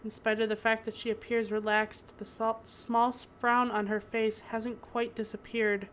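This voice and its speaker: A woman's voice: fairly high pitch, level tone, moderate pace, fairly bright tone, slight background noise. A woman streamer narrating a visual novel aloud, breaking off for giggly asides. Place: home.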